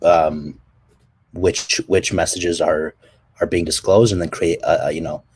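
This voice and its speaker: A man presenting his company's standards work and answering questions, speaking haltingly with many fillers and restarts. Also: sits low, darkish tone, husky. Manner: halting, many ums and restarts, coughs between phrases. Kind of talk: technical presentation and Q&A.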